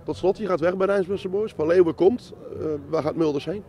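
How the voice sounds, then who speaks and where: A man's voice: sits high, fairly quick, warm tone, slight background noise. A man, a sports reporter asking short, direct questions in a post-match interview outdoors.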